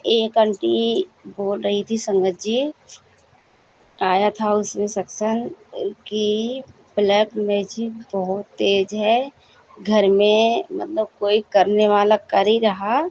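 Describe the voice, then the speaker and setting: A woman's voice: medium pitch, warm tone, dull audio. A woman giving a devotional testimony, telling her story to the congregation, often addressing them as sangat ji and stopping to apologize and correct herself.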